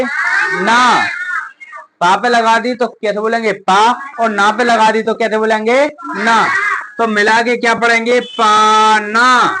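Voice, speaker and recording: A slightly high-pitched woman's voice comes through a very noisy recording. She's a teacher in a coaching classroom, drilling kids on Hindi vowel signs, posing questions and supplying the answers herself.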